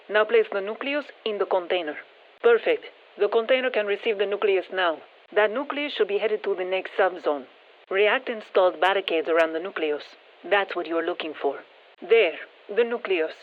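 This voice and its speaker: In a scripted game mission briefing, an actress voices a composed female scientist-engineer steering soldiers against alien parasites. Her mid-range voice comes through a radio filter, narrow and tinny, as she gives matter-of-fact, dryly wry instructions.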